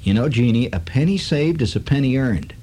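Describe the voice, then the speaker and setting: A man's voice: medium pitch, animated, a little fast, warm tone, lightly acted. A man voicing a preachy older aunt who answers everything with a proverb, in a prim, lecturing tone.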